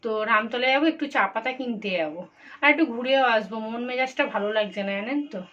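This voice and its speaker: A woman's voice: fairly high pitch, fast, highs cut off, crowd noise. A woman, chatting directly to viewers in a casual home vlog from her kitchen. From India. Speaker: vlogger.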